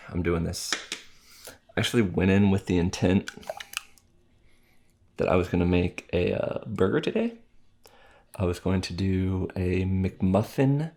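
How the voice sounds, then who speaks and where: A man hosts an eating show from home, talking casually with joking, rambling asides. His voice sits very low with a gravelly fry and a husky edge. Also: darkish tone. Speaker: mukbang host. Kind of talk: casual chat while eating on camera.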